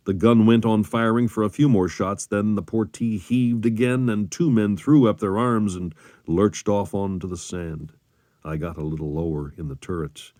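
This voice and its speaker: A man reading a wartime memoir aloud as an audiobook, with measured, dramatic storytelling. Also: deep voice, mellow, no echo, clean studio sound. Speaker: audiobook reader.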